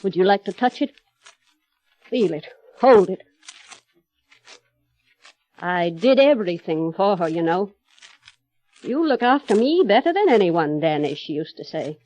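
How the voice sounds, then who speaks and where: A woman with a medium-pitched, slightly mellow voice and big pitch swings plays a menacing housekeeper obsessed with her late mistress. It's 1930s radio drama acting, coldly insinuating and delivered slowly and deliberately. The recording is an old, muffled radio capture with music behind it.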